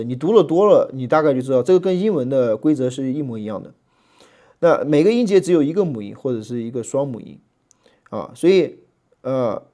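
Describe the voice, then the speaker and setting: Mellow-voiced man teaching Greek. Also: mid-range voice. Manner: chatty, many fillers, slows to spell out letters. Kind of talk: relaxed classroom lecture.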